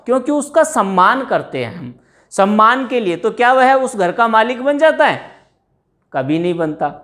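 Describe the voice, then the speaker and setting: A man teaches a grammar lesson step by step, asking his students questions and then answering them himself. His high, fairly bright voice swings widely in pitch, and he draws out words when stressing examples.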